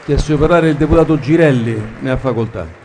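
A man's voice: medium pitch, fast, a little mellow, slight background noise. A man chairing a parliament session, giving formal, businesslike procedural announcements. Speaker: presiding chair. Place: parliament chamber.

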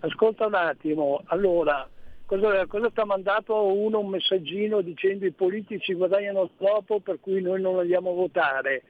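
High-voiced man calling in on a tinny phone line. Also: normal speed. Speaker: radio show caller. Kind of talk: casual call-in chat.

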